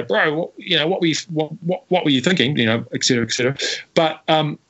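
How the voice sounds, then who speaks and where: Casual New storyteller man. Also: medium pitch. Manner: casual, animated storyteller with many fillers. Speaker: historian guest. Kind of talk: storytelling interview answer. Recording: slightly muffled audio.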